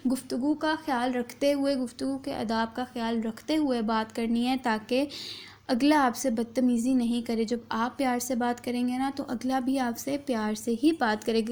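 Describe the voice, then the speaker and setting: A woman teaching a children's class, reading a text slowly and then explaining it again in simple, repeated words, with English words mixed in. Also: on the high side, darkish tone. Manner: reads a passage, then re-explains it simply with repetition; slow, deliberate pace for children. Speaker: school teacher.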